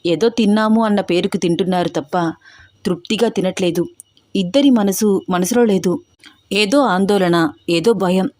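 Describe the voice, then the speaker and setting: A woman narrating a scripted story in a steady, even storytelling manner. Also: medium pitch, dry recording, studio quality.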